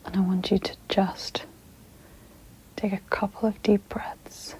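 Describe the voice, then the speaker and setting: Mostly whispering in a breathy, gentle way, a woman guides listeners into sleep with an ASMR meditation, leaving long pauses between soothing lines. Her voice is medium in pitch and flat in delivery, and the recording sounds rough.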